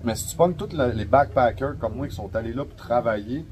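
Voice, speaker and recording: A young man with a Québécois French accent tells his stories as a podcast guest, full of slang and swearing. His voice sits in a middle pitch, and a faint hiss runs under the recording. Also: a little fast, rough recording. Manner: slangy, profane, animated storyteller. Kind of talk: casual storytelling chat.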